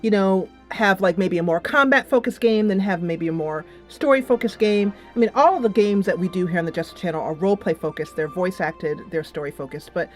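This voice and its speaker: Over background music, a gaming-channel host speaks in a fairly low, brisk voice with few pauses. Her casual game review and chat about an upcoming series meanders, punctuated by dramatic rhetorical touches.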